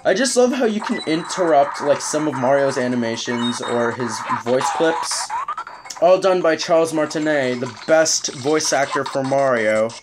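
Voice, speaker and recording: A speaker rambling casually and with excitable outbursts while commenting on their own video game play. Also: medium pitch, a little slow, noisy background. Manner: rambling, chatty, jumps between topics. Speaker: gameplay commentator.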